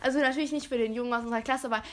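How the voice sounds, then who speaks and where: A young teenage girl with a high, bright voice puts questions to her friend. She is chatty and giggly, keeping it casual throughout. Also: fairly even intonation, very fast. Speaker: friend asking quiz questions. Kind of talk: casual chat in a question challenge.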